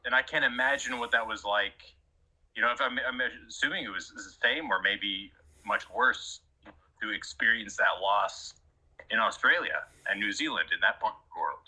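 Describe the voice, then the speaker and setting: A man's voice: fairly low pitch, moderate pace, pushed and bright, poor audio. A man talking in a casual chat, rambling and emphatic with many restarts. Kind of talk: casual conversation.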